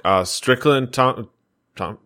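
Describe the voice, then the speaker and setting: A man's voice: mid-range voice, slow, pushed and bright. A man hosting a casual podcast chat, rambling and chuckling as he talks. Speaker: podcast host.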